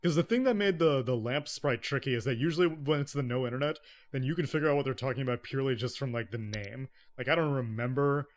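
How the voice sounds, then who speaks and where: Blunt man casually commentating a game. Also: mid-range voice. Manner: blunt, slangy, wry. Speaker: gamer commenting on his playthrough. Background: game music.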